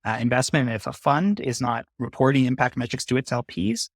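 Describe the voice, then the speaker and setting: A man guest in an interview explains things methodically, step by step, with frequent "uh" fillers. His voice sits at a mid pitch, recorded dry and close. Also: expressive, a little fast, dry recording. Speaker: fund manager guest. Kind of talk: interview conversation.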